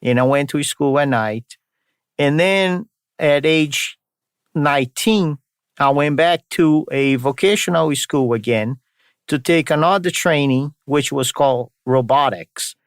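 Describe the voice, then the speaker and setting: Man, Brazilian-Boston accent, native Portuguese speaker, dropped r's, slightly high voice, clear tone, informal podcast host. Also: measured pace, no echo, clean studio sound. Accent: Brazilian mixed with Boston. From São Paulo state, Brazil. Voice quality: drops his r's. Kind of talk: informal solo podcast introduction.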